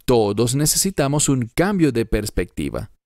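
This man dubs a Bible teacher in his fifties giving an earnest, verse-by-verse sermon. His mid-range voice is a little mellow and very animated, with emphatic, deliberate phrasing.

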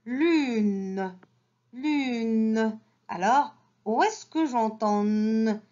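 A woman teacher speaking very slowly in a somewhat high voice, sounding out each word and repeating it for young children. The recording is dull and lo-fi. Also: warm tone. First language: Arabic. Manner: slow, syllable-by-syllable modelling with repeated words. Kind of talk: early reading lesson for children.

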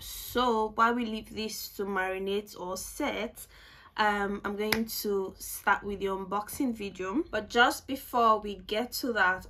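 A beauty vlogger in her twenties chats casually through a makeup tutorial in a small room at home, filmed by a camera at desk distance. Her medium-pitched voice is a bit bright, and she's self-mocking, repeating words for emphasis.

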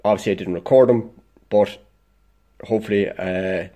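A man's voice: lowish voice, steady tone, normal speed, mellow. A congested man in an indoor workshop, casually explaining a DIY fix at his workbench in a blunt, plain-spoken way with the odd swear. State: congested, dosed up with illness. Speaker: DIY vlogger.

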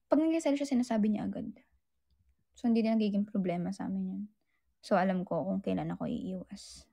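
A woman's voice: medium pitch, creaky, dark tone. A young woman in casual chat, candidly sharing relationship advice with her viewers and switching freely between Tagalog and English. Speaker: vlogger answering viewer questions.

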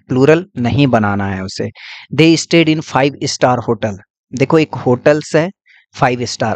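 A man teaching English grammar, explaining patiently, repeating points and checking in often with his students. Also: medium pitch. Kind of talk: classroom-style grammar lesson.

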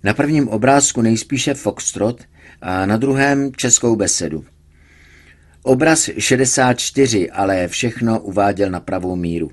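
A man reading a serialized novel aloud in a measured storytelling manner. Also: fairly low pitch, darkish tone. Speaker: audiobook reader.

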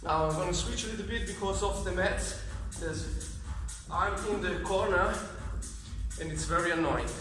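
This man, a fitness trainer in his thirties who is not a native English speaker, gives brief cued instructions while doing the workout himself, his effort showing in his voice. His voice sits high and he talks at normal speed. The setting is a large indoor gym with mats, recorded echoey and distant by a camera several metres away, with music playing.

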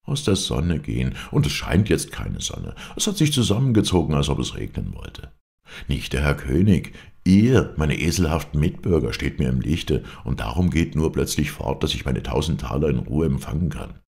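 Man doing a gravelly, scornful, sharp-tongued storybook philosopher, lively swings. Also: extremely low pitch, moderate pace, few pauses, exaggerated voice. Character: sly, cranky male philosopher in a barrel.

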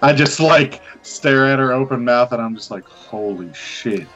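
A man's voice: medium pitch, steady tone, normal speed, fairly bright tone, highs cut off, soft background music. A man playing a tabletop game, chatting casually about what his character does. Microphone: online group video call.

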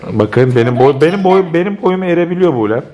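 Hoarse, playful dad filming his kids. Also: fairly high pitch, expressive, quick pace. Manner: playful, laughing, coaxing the children. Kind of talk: casual family vlog commentary. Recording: noisy home recording.

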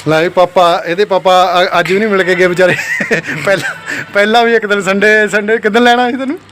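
A man's voice: high-pitched, steady tone, fast talker, noisy background. A man with a Punjabi accent filming a casual family vlog, playfully calling out to his kids and pets. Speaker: family vlogger, father.

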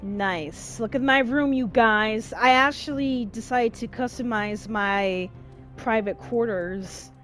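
A woman's voice: on the high side, slow pace, fairly bright tone, soft background music. A woman giving casual, chatty gameplay commentary, gushing as she reacts aloud to the characters. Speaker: video game player.

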